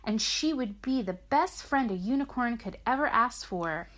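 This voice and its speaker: A woman with a fairly high-pitched voice narrates a children's sleep story. She reads like a mother at bedtime, pausing to explain things in simple words and to encourage a young listener. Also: animated, a bit bright. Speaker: mother reading a picture book aloud, host. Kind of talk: gentle sleep story narration and chat with her small child.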